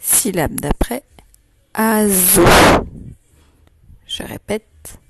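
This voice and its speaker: A woman teacher giving a slow dictation lesson to young children, saying each syllable clearly and repeating it. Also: lowish voice, expressive, very noisy. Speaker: primary school teacher.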